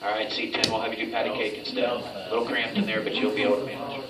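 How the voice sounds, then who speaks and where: A man instructs a group through drills in a directive, informal manner. His mid-pitched voice comes from well off the mic in an echoey space, with clear noise around him. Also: fairly even intonation, rapid-fire. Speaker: military-style hypoxia training instructor. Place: enclosed training chamber. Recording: roomy, distant mic, clear background noise.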